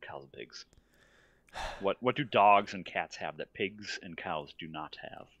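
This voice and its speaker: A man who is a vegan guest, calmly explaining his views in a casual debate. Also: low-pitched, unhurried, breathy edge, dry recording, highs cut off.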